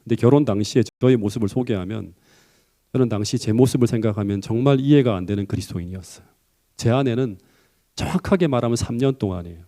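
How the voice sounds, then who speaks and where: This middle-aged man is a pastor and a fast talker, preaching and weaving in a personal anecdote with an animated style that mounts to emphatic high points.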